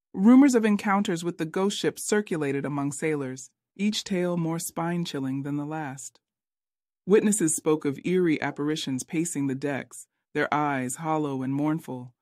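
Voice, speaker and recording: A man's voice: on the high side, a little mellow, no echo. Dry-voiced man narrating a ghost tale. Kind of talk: scripted spooky narration.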